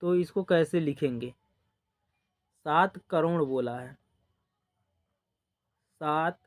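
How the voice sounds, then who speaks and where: Guy teaching place values real slow, fairly high voice, keeps repeating stuff. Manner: explains patiently, repeats numbers, drawn-out counting; says "dekhiye" and "ok" often. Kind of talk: slow step-by-step classroom teaching.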